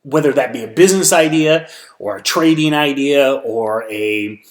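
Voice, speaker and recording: A man's voice: fairly high pitch, moderate pace. A tired man giving a casual solo recap of his trading day, rambling with many restarts and fillers. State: tired, yawning. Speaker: stock trader giving a daily recap.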